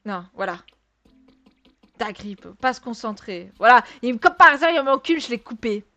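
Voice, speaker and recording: A woman's voice: a little high, sharp tone. Chatty, exclamatory young-sounding Frenchwoman gaming. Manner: chatty and exclamatory, talking to viewers; frequent sighs and exasperated asides. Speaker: gaming video creator. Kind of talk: casual let's-play commentary.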